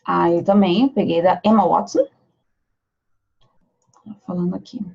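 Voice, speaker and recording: A Brazilian woman teaching English pronunciation, repeating example phrases slowly and explaining step by step. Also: lowish voice, creaky, dark tone, highs cut off, slight background noise. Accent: Brazilian Portuguese. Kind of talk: pronunciation lesson.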